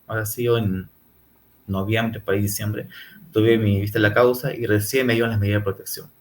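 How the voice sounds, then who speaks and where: A Peruvian-accented man speaks as a guest on a television interview, telling his story in halting stretches. He keeps tacking on little tag questions, and his voice sits fairly low. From Peru. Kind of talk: TV interview testimony.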